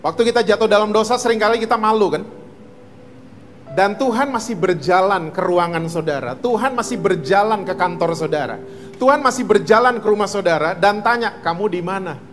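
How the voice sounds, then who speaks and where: A man's voice: high voice, fairly quick, fairly bright tone, in a large hall. A male pastor preaching a sermon, mixing in English words and asking his listeners questions. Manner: mixes English words, asks the congregation questions. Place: church hall.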